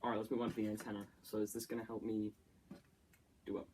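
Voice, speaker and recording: Chatty, excitable young man. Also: fairly low pitch, fast, noisy background. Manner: chatty self-talk, easily excited, jokey. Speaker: YouTuber. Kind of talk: casual build-and-play commentary.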